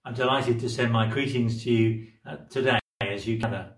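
A man's voice: mid-range voice, steady tone, normal speed, faint music behind. A man giving a solemn, prayerful recorded blessing as a bishop, his voice carried by a roomy cathedral echo. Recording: roomy echo, distant mic.

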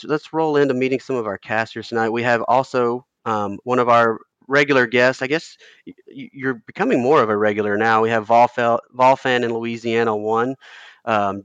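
Smooth-voiced man hosting a podcast. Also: medium pitch, fairly bright tone, no echo, lo-fi sound. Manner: joking, loose, rambling with fillers. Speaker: podcast guest host. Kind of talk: casual podcast chat.

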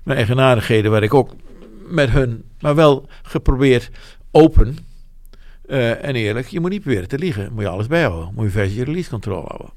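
A man's voice: medium pitch, animated, a little fast, darkish tone, dry recording. Older man in his seventies, rambling and frank, dry close sound. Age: 70s. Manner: rambling, frank, self-deprecating. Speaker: interviewee, business owner. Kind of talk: reflective interview talk.

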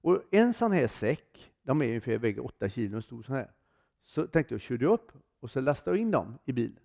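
A guest preacher with a medium-pitched, sing-song, creaky and somewhat dark voice delivers a sermon. He speaks conversationally, like a storyteller, sharing a personal testimony and acting out its dialogue.

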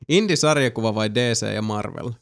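A man's voice: lowish voice, animated, gravelly. A man hosting a casual chat among friends, reading out would-you-rather questions, laughing and swearing loosely.

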